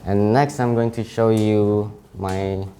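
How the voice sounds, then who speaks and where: A young man in his late teens, a native Indonesian speaker with an Indonesian accent, presents his CV informally, halting often to correct himself. His voice sits on the low side with fairly even intonation and a warm tone. A little hiss or hum runs under the recording.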